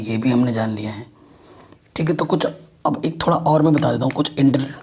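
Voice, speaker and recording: A man's voice: mid-range voice, a little mellow, husky. A man teaching a math lesson, explaining step by step and checking in with students often.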